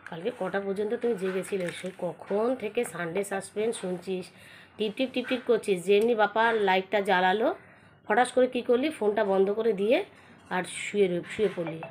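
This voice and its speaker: A woman's voice: medium pitch, normal speed, slight background noise. A woman, chatting with her family at home in a casual vlog, teasing and scolding. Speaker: family vlogger.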